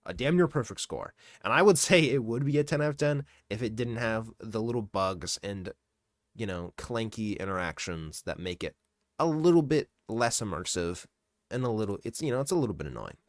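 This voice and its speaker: A man's voice: fairly low pitch, animated, moderate pace, no room sound, clean studio sound. A man giving casual, enthusiastic game review commentary, swearing now and then. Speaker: gaming commentator. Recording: voice-over with clear background music.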